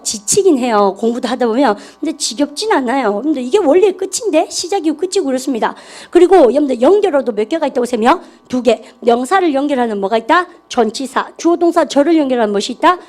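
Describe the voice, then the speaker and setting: A woman's voice: sits high, darkish tone. A woman teaching an English grammar class, encouraging students and leading them through call-and-response drills. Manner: encouraging, repetitive, calls herself 쌤. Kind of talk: classroom lecture.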